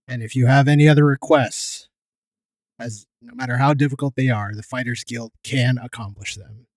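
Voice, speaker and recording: A man's voice: mid-range voice, steady tone, normal speed, no echo, close to an everyday voice. A man voicing a proud male Nord fighters guild warrior, speaking in an earnest, businesslike way.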